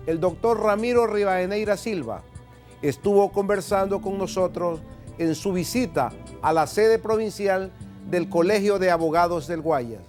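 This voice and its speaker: A man's voice: sits high, a little mellow. An Ecuadorian man hosting a programme, presenting in a formal, scripted style. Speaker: programme host.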